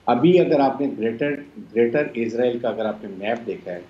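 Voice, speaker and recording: A man from Pakistan, a brigadier appearing as a defense analyst on a TV panel, explaining in a measured way. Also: mid-range voice, echoey room, muffled recording, slight background noise.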